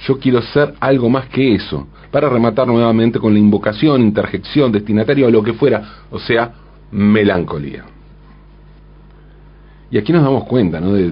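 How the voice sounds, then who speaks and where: Low and breathy, this man's voice comes through lo-fi audio as he thoughtfully unpacks a song's lyrics. He keeps asking rhetorical "¿no?" questions and revising his own words in a calm, reflective way.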